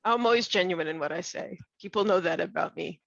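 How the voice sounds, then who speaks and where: A middle-aged woman talks bluntly on a video call, her voice rough, gravelly and husky because she is losing it. She halts and restarts as she thinks. The sound is dry and a little muffled. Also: lowish voice, no room sound. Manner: blunt, candid, halting with restarts. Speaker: webinar participant. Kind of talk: casual discussion on a video call.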